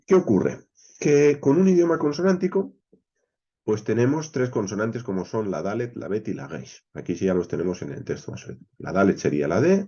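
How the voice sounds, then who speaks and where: A man from teaching a Bible class, explaining step by step, with frequent "eh" pauses, often checking in with "¿vale?" and "¿bien?". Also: mid-range voice, mellow, husky, highs cut off. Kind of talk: expository Bible class lecture.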